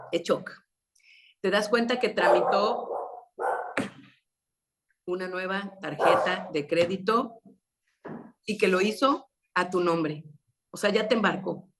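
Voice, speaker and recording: A woman with a Mexican accent preaching a sermon at a women's meeting, telling a story in a conversational way with many rhetorical questions. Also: medium pitch.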